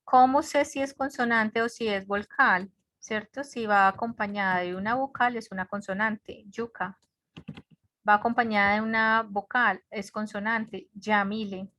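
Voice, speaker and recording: Woman teacher, unhurried online grammar lesson, patient repeated explanations, dry close sound. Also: mid-range voice, fairly bright tone, no echo. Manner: patient, repetitive explaining with frequent check-ins. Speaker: English teacher. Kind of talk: online class lecture. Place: home office on a web conference.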